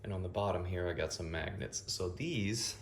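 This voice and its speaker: A man with a fairly deep voice walks through a do-it-yourself project. He talks casually, like a hobbyist showing his work. Background noise is clearly audible in the recording. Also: moderate pace. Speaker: hobbyist maker and vendor showing a DIY build. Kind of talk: casual spoken build walkthrough.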